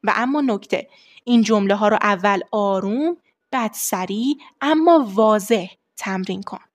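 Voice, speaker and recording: A young adult woman voice coach giving a lesson on vocal warm-ups, explaining steps and demonstrating the exercises herself. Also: mid-range voice. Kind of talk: voice training lesson.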